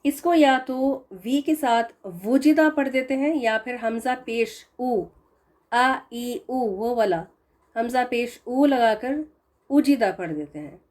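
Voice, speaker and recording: A woman with a fairly high voice gives a tajweed pronunciation lesson at an unhurried pace. She stretches each example word out and then patiently explains what students usually get wrong. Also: a little mellow. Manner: slow, drawn-out demonstration of sounds; explanatory, correcting common mistakes. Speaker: tajweed teacher.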